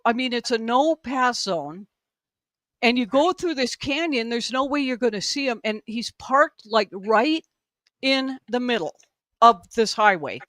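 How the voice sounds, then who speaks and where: A woman hosting a casual podcast chat, telling her story in an animated, rambling way. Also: a little high, a little slow, no room sound. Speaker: podcast host.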